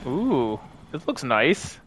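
A man's voice: medium pitch, very animated, slow, background noise. A man giving casual, wry and amused playthrough commentary as a gaming streamer. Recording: game music behind voice.

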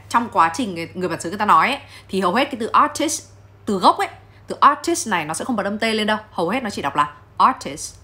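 A woman gives a casual pronunciation lesson, chatty and playful, speaking straight to her viewers. Her voice is bright and forward. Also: medium pitch. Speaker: English pronunciation teacher.

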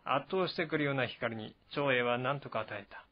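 A man narrates a historical novel he reads for the first time, at a steady pace with small slips and restarts. His voice sits at a middle pitch for a man. The recording sounds dull and lo-fi. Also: moderate pace. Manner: steady, even reading with occasional slips and restarts. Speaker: narrator reading a novel aloud.

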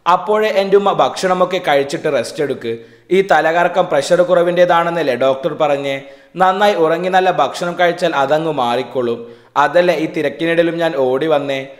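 A man's voice: fairly high pitch, moderate pace, natural voice. A man voicing a cheerful, easygoing young male auto-rickshaw driver in a read-aloud story, in an echoey room. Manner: plain, affectionate storyteller reading.

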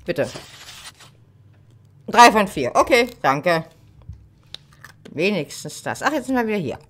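A woman's voice: mid-range voice, big pitch swings, slow, a bit bright. A middle-aged woman playing a horror game, thinking aloud in casual commentary on a headset mic. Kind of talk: casual let's play commentary.

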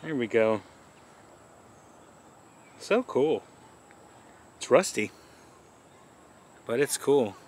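A man's voice: mid-range voice, lively intonation, extremely slow, pauses often, a little mellow, a little hiss or hum. A man casually narrating a travel vlog outdoors, enthusiastic and easygoing as he tours a riverside walk. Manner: easygoing, enthusiastic tour commentary. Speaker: vlogger.

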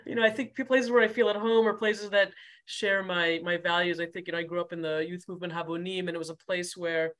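A woman's voice: lowish voice, steady tone, fast talker, fairly bright tone. A woman, a rabbi, interviewing an author over a video call in a thoughtful way. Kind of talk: conversational interview.

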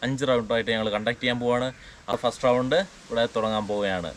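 A man's voice: mid-range voice, fairly even intonation, slight background noise. A man hosting a family vlog. He explains the rules of a game and teases the other player in a playful, casual way. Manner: playful, teasing, quick rule-explaining. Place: outdoors in the sun.

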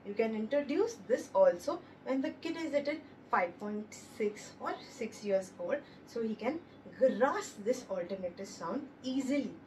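Slow, sing-song woman teaching phonics. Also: on the high side, lively intonation, darkish tone, distant mic, a little hiss or hum. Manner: slow, sounding out letters one by one, stressing each word; encouraging, addresses listeners as babies. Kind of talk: phonics lesson for parents and teachers.

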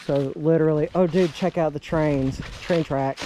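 Narrating a handheld, casual exploration vlog in woods by an abandoned railway, the thirtysomething host exclaims in awe. His voice is fairly high and dark-toned, moderately paced with fairly even intonation. The recording is rough, with a little hiss or hum.

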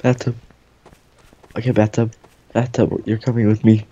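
A young man chatting while gaming, deadpan and teasing. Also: lowish voice, moderate pace, highs cut off. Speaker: gamer. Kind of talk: casual gaming chat.

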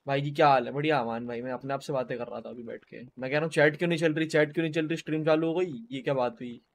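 A man streaming a game, chatting casually with his viewers and greeting them by name, speaking quietly and low-key. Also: steady tone, racing. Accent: Hindi.

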